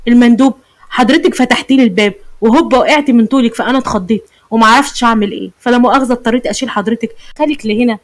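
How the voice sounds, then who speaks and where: A woman's voice: fairly high pitch, very fast, no room sound, close to an everyday voice. A woman voicing a polite, concerned male delivery man with an Egyptian accent. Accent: Egyptian Arabic.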